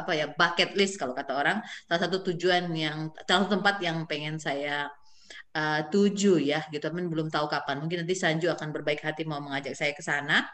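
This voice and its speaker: Female podcast host, Indonesian accent, somewhat low register, informal conversational delivery. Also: a bit bright. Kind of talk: casual interview chat.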